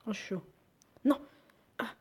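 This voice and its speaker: A young woman giving casual commentary over a video game she is playing, chatty, often dropping to a whisper as she plays. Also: moderate pace. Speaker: gaming YouTuber.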